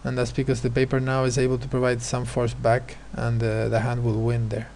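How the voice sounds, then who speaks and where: A man's voice: mid-range voice, monotone, a little fast, a little mellow, a little hiss or hum. A male teacher explaining physics exam questions, hesitant, with many fillers and restarts. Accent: non-American, his remark says so.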